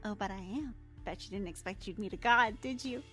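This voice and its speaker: A woman's voice: mid-range voice, brisk, a bit bright, faint music behind, natural voice. A woman voicing a teenage-looking goddess of fate, playful and teasing, in a tabletop game. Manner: teasing, cheerful. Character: girlish teen goddess of fate, playful, smug.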